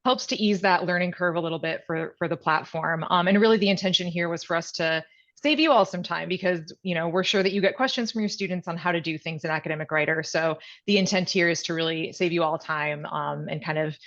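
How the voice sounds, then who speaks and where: A woman's voice: lowish voice, fairly quick, a bit bright. A woman giving a product presentation over a video call, chatty and upbeat, with easy laughs. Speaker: product director presenting a webinar. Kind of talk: casual presentation. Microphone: video call mic. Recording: dull lo-fi video call audio.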